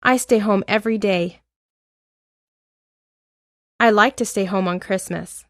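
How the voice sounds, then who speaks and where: A woman reading an English lesson aloud, with clear, deliberate drill phrases and an American accent. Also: medium pitch, a bit bright, no echo, studio quality. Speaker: English teacher. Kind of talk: slow scripted lesson reading.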